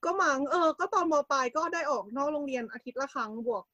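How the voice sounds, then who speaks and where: A woman co-hosting a casual group chat over a call, chatty and lively, often cutting in on herself. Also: high-pitched, quick pace, dry recording. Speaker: podcast co-host.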